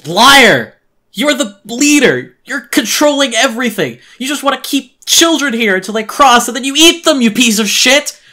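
A man's voice: very high voice, sing-song, normal speed, pushed and bright, voice pushed up, exaggerated voice. A man voicing a terrified, furious eight-year-old boy who screams frantic accusations in a dramatic reading of a horror story. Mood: screaming.

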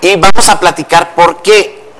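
Male language commentator from Mexico, fairly high voice, methodical teacher's delivery, TV news studio. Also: steady tone, measured pace, a bit bright. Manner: didactic, patient, explains step by step. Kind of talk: explaining spelling rules on air.

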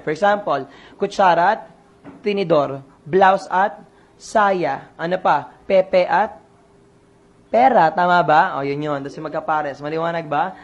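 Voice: medium pitch, muffled recording. A coach running an online exam review lesson, quizzing the listeners and repeating each answer to drill it in.

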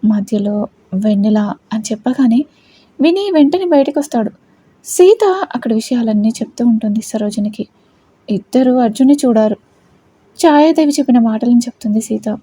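A woman narrating a dramatic family story in a steady storytelling way. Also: on the high side, moderate pace, slightly rough, dry recording.

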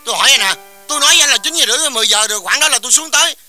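A man's voice: very high voice, lively intonation, rapid-fire, sharp tone, faint music behind. A man playing an indignant performer who complains in a stage comedy sketch. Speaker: angry late-arriving artist in a comic sketch.

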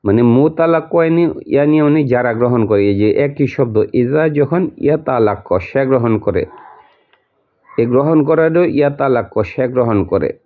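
A man teaching a Quran translation lesson, repeating each word and its meaning slowly, step by step. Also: mid-range voice. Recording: tinny phone-like audio.

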